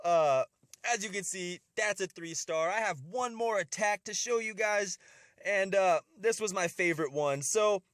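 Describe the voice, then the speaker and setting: A man's voice: high voice, measured pace, a bit bright, no echo, clean studio sound. Man commentating gameplay with a stuffy nose. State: getting sick, slightly stuffy nose. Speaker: host of a game strategy video.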